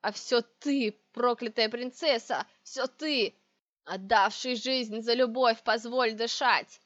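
A woman voicing a crooked, ancient witch who rants and wails in slow, drawn-out cries. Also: on the high side, a bit bright, dry recording. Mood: wailing. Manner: slow, wailing, hissing rants. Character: crooked ancient female witch, shrieking, raving. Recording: dry, dull lo-fi recording.

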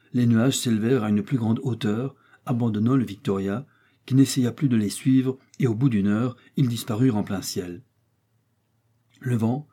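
Dude reading an audiobook, dark and husky, steady. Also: male voice, lowish voice. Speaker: audiobook narrator. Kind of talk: scripted narration.

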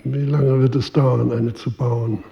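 A man playing a calm, principled king in a radio play, speaking in a measured, stately way with a gravelly voice. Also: medium pitch, highs cut off. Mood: musing. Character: calm, principled King Arthur, courtly and firm.

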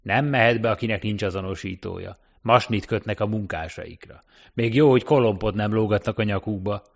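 A man voicing a gruff, talkative middle-aged male cab driver in an audiobook reading, folksy and loud. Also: fairly low pitch, lively intonation, pitched above the performer's own voice, natural voice. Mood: gossipy.

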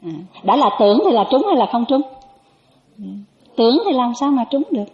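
A woman, a Buddhist nun, giving a dharma talk to an audience. She tells a personal story with lively, animated delivery and acts out the dialogue. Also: high-pitched, normal speed. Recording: echoey, dull lo-fi recording.

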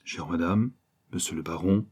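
A man's voice: low-pitched, normal speed, a little mellow, husky. A man voicing a naive, pompous young private detective who gets flustered.

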